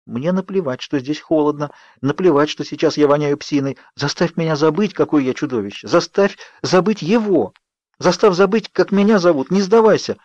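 A man's voice: on the high side, expressive, normal speed, a little mellow, no room sound, pitched above the performer's own voice, natural voice. A man voicing Bella, a desperate teenage girl who pleads urgently, read for an audiobook. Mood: fierce. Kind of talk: audiobook character reading. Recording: dry, slightly dull studio read.

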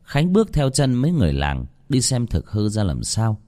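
A man narrating a horror story with dramatic, expressive delivery. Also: mid-range voice, normal speed.

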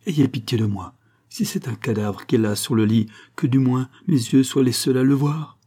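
Desperate grieving veiled woman, about fifty, pleading high and strained, husky mellow tone, as a male narrator puts her on. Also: normal speed, close to an everyday voice. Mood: imploring. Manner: pleading, anguished, raised and strained.

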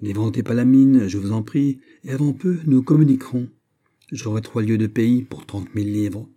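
A man voicing D'Artagnan, an aging, proud and sly musketeer, in an audiobook reading, talking in a brisk, boastful way. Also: medium pitch, dark tone, lightly acted.

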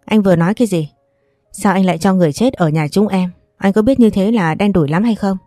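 A woman's voice: mid-range voice, quick pace, mellow, no room sound, soft background music, lightly acted. Woman reading as an indignant brother. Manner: accusing, blunt. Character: indignant younger brother, middle-aged man, suspicious.

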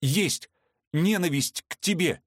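A man voicing a defiant young woman in an audiobook, shouting her hatred, his voice raised higher than his own. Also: takes it slowly, slightly rough, no room sound, studio quality.

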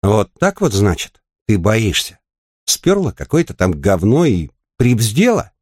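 A man voicing a brash, crude male bike courier who teases and needles in a coarse way, raised above his own voice and lively. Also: on the low side, measured pace, no room sound, clean studio sound, voice pushed up, heavily acted. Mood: mocking.

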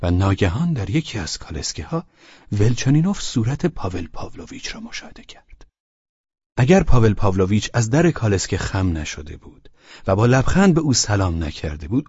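Low husky male audiobook narrator. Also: darkish tone, no room sound, muffled recording.

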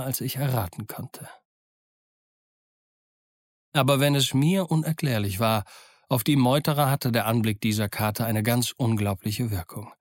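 A man reading a classic adventure novel aloud as a steady first-person narrator. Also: medium pitch, dry recording, studio quality. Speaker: audiobook narrator. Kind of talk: scripted narration.

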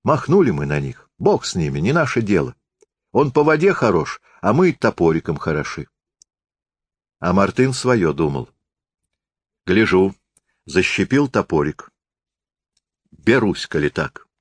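A man reading a folksy tale aloud in a warm, conversational storytelling manner. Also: fairly low pitch, very animated, a little slow, pauses often, slightly rough, no echo. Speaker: reader.

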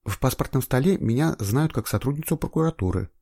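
A man's voice: mid-range voice, expressive, a little fast, warm tone, husky, no echo, clean studio sound, voice pushed up. A man voicing an eager young female trainee investigator in an audiobook, with a raised, insistent voice. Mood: earnest. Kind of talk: audiobook reading.

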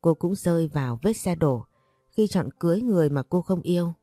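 A woman narrating a romance audiobook in a steady, even storytelling voice. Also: on the low side, fairly quick, no echo.

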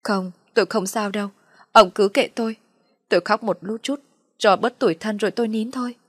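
A woman's voice: medium pitch, fast, slightly rough, no room sound, clean studio sound, natural voice. A woman voicing a self-pitying, theatrical farm woman near sixty who complains tearfully. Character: wailing self-pitying old farm woman, mother-in-law.

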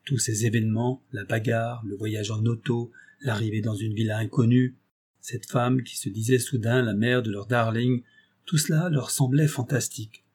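A male audiobook narrator with a dark, mellow voice. He reads in a measured, expressive way, and his tone has a husky edge. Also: mid-range voice. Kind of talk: scripted narration.

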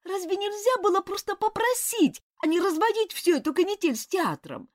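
A woman reading the part of an excitable, indignant young princess in an audiobook. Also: moderate pace. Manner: high, breathless and reproachful.

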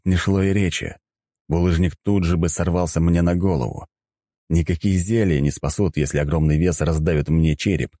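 A man narrates a first-person audiobook in a low, deep voice. His tone is dark and mellow, and the sound is dry and close, with a steady storytelling read. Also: no room sound.

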